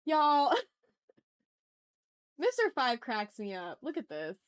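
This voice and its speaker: Speaking slowly in a high, smooth, sing-song voice, a woman hosts a casual art livestream. She thinks aloud as she draws, chatting to viewers in a slangy, effusive, informal way.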